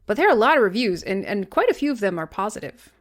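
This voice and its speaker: A woman's voice: mid-range voice, very animated, fast talker. A woman co-hosting a casual podcast chat. She talks with a wry, sarcastic edge and jokes about what critics wrote. Her delivery stays loose and conversational. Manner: wry, sarcastic, reads critics' blurbs aloud. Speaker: podcast co-host.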